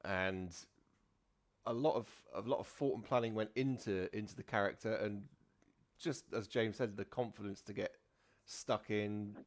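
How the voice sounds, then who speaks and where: A man in a relaxed podcast chat, hosting as a dungeon master. His voice sits fairly low, and he rambles, restarting sentences and filling gaps with ums. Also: normal speed. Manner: rambling, many fillers and restarts.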